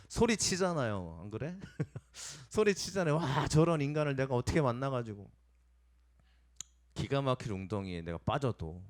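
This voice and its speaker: A man preaching a Sunday sermon as pastor, talking directly to his congregation, asking them questions and now and then acting out angry shouts. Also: medium pitch. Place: church sanctuary.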